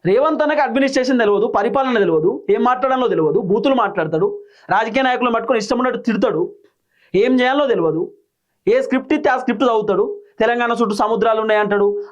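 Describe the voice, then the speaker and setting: A man with a Telangana Telugu accent delivers solo political commentary in a fairly high voice. He talks very fast, piling up rhetorical questions and long lists of complaints. The recording sounds dull and lo-fi. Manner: rapid, rhetorical, listing grievances.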